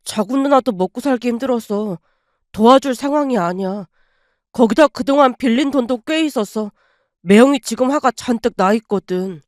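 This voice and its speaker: A woman voicing a sick, shameless middle-aged father who pleads in a low, slow, whining voice. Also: darkish tone, no room sound, studio quality, lightly acted. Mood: pleading.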